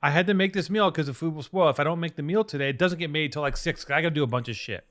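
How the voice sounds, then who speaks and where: A man's voice: a little high, rapid-fire, fairly bright tone. A man co-hosting a podcast, telling a rambling, profane story in casual chat. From Venice, California. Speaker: podcast co-host.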